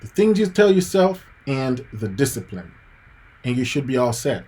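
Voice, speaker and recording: His voice is medium-pitched, dark and slightly rough, with a sing-song lilt and moderate pace. The speaker, a Jamaican man in his thirties, teaches piano over a motivational live stream, where he talks casually, preaches a bit, calls people "guys" and "man," and keeps repeating what matters.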